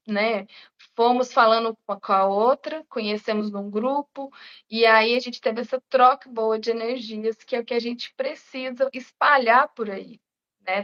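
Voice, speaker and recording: Over dull, lo-fi live stream audio, an integrative therapist talks in a casual, reflective way, often finishing with "né?". Her voice is fairly bright and sits on the higher side.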